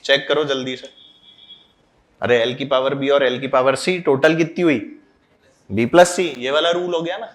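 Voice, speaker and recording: In a classroom physics lecture, a man speaks in a mid-range voice with fairly even intonation, a moderate pace, and long pauses. He's loud as he quizzes and scolds his students, urging them along and dropping in English terms.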